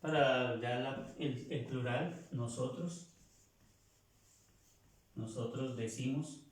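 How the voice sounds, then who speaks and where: Slow, patient man teaching from afar. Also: mid-range voice. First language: Spanish. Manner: patient, repeats each form, pauses while writing on a board. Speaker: French teacher. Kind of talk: slow classroom grammar lesson. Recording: echoey room, voice from far off the mic.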